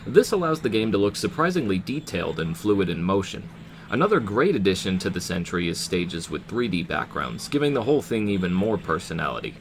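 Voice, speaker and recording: A low-pitched American man narrates a scripted game review. His intonation is very lively, with casual wry asides, over faint noise.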